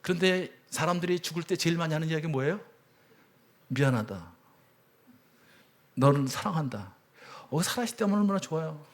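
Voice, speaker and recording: Middle-aged male church elder, sermon storyteller, a touch high-pitched. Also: fairly even intonation, rapid-fire, few pauses. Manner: storytelling with dramatic swings between loud and hushed. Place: church sanctuary.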